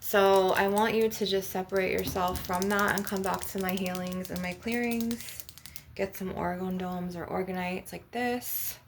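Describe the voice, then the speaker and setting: Speaking at a medium pitch with fairly even intonation and an unhurried pace, a woman healer chats informally to her video audience in a spiritual ASMR session. She's emphatic and conversational, sprinkling in swearing and "you know," with slight background noise in the recording.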